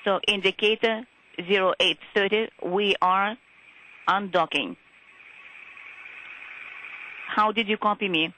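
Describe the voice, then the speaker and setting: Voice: medium pitch, fairly even intonation, pushed and bright. Crackly space radio voice with static. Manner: terse, halting with fillers. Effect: crackly space-to-ground radio transmission. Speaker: spacecraft crew member on radio. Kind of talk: clipped radio procedure calls. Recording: static-filled radio link.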